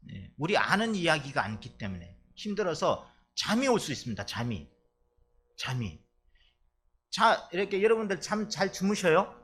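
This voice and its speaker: A man's voice: a little high, sing-song, normal speed, fairly bright tone, slight background noise. A male pastor from Chungcheong preaching a sermon in a church, chatty and playful with the congregation. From Chungcheong, Korea. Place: church sanctuary.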